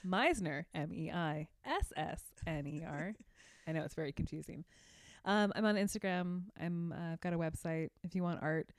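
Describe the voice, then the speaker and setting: A chatty woman artist co-hosting a podcast, giggling and poking fun at herself. Her voice sits a little low for a woman. It is recorded close and dry, with no room echo. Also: normal speed. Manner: chatty, giggly, self-deprecating. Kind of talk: casual chat.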